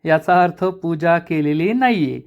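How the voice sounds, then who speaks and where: A man voicing a nosy, quarrelsome village aunt who taunts with snappy retorts, in his own fairly high voice. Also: unhurried, dull audio. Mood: taunting.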